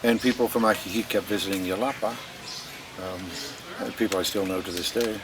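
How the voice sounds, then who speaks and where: A man in his sixties with an American accent, telling personal stories casually in a rambling, halting way as an interviewee. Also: deep voice, steady tone. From United States. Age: 60s. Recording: distant microphone with noisy ambience.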